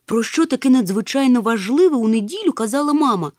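A woman doing an earnest hurried young troll. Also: fairly high pitch, animated, darkish tone, no echo, clean studio sound, voice pushed up. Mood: urgent. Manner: urgent, earnest. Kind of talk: storybook reading.

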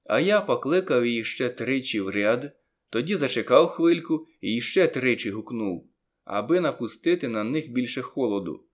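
A man narrating a first-person story aloud as an audiobook reader, in a lively storytelling manner that stretches some words slowly for effect. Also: mid-range voice.

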